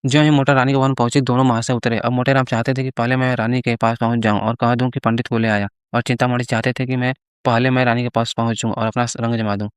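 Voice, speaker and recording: A man narrating a literary short story at a measured storytelling pace. His mid-pitched voice is clear and resonant, recorded close and dry with no room sound. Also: level tone, no echo. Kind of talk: scripted story reading.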